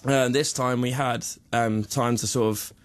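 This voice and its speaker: A man's voice: mid-range voice, steady tone, a little slow. A man, a musician guest, chatting in a casual radio interview, laid-back and rambling.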